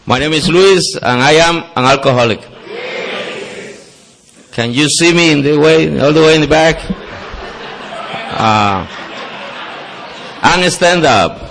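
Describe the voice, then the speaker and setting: A man's voice: a little high, expressive, takes it slowly, long pauses, a bit bright, a little hiss or hum. A man from Costa Rica with a Costa Rican Spanish accent and Spanish as his first language, giving an earnest personal testimony at a recovery meeting with self-deprecating humor. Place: meeting hall.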